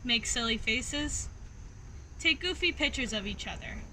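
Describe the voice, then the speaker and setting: A read-aloud storyteller with a high, bright voice narrates a picture book for young children, reading expressively and a little slowly. The recording is rough, with clear noise audible behind her.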